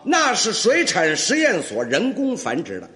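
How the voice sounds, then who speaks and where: A man's voice: high voice, huge pitch swings, a little slow, pushed and bright, long reverb tail. A man playing the straight man in crosstalk comedy, answering with short interjections and prompting questions.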